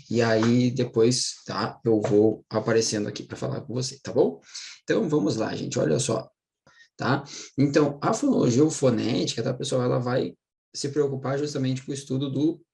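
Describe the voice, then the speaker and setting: Guy teaching a grammar class online, gravelly voice, keeps tacking on "tá?", drags words out slow when he explains them. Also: medium pitch, darkish tone, a little hiss or hum. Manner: chatty, keeps checking in with "tá?" and "né?". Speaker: Portuguese teacher for exam prep. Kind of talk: casual recorded online lesson.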